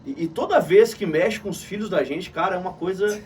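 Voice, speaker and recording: A middle-aged man with a southern Brazilian Gaúcho accent, telling an emotional personal story as an interview guest in an animated way. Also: high-pitched, fairly quick, distant mic, a little hiss or hum. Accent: Gaúcho Brazilian Portuguese. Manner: animated, calls the listener "cara" often.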